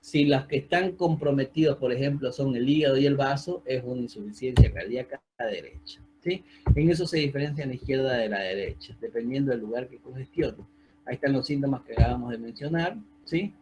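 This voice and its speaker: A man's voice: mid-range voice, fairly quick, mellow, rough recording. A man giving an online medical lecture over a video call, explaining step by step and often checking in with his students. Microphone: computer mic on a video call.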